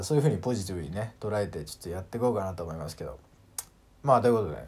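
A man hosting a casual solo audio talk, animated and full of fillers, acting out sounds as he explains. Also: on the low side, slightly rough. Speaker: podcast host.

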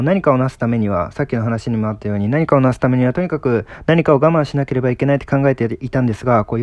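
A young man, an art student, talks alone in a calm, earnest way. He often hesitates and restarts, and he closes each point with a soft word of agreement. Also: mid-range voice, no echo. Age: young adult. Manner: frequent hesitant fillers and restarts. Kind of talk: solo reflective monologue.

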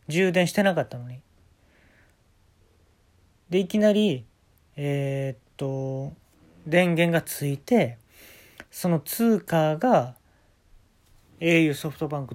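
Deadpan Kansai man telling absurd stories. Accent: Kansai Japanese. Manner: deadpan telling of absurd tales with sudden pitch jumps. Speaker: talk show host. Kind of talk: casual storytelling monologue.

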